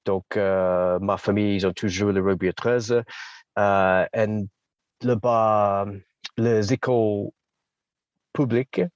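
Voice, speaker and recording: A man's voice: lowish voice, fairly even intonation, takes it slowly, clear, resonant tone, no echo, dull audio. A man from Australia with an Australian accent, speaking French as a second language, hesitant and searching for words as an interview guest. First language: English. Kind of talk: casual interview chat.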